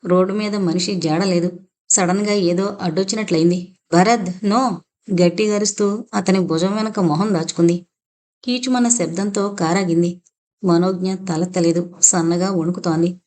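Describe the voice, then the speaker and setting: A woman narrating an audio novel in a steady, expressive storytelling voice. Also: fairly low pitch, normal speed. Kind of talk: scripted narration.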